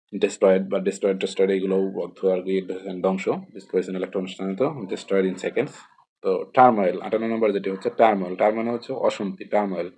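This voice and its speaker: Fast-talking Bangladeshi tutor, husky and low. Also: male voice, mellow. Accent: Bangladeshi Bengali. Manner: rambling, repeats and spells out words, many fillers. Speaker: exam prep tutor. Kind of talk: casual explanatory lesson.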